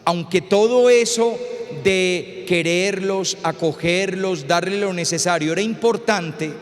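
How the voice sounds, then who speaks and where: Paisa priest lecturing slow and storytelly, high voice, echoey hall. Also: male voice. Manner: storytelling, acts out scenes, rhetorical questions. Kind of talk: humorous public lecture.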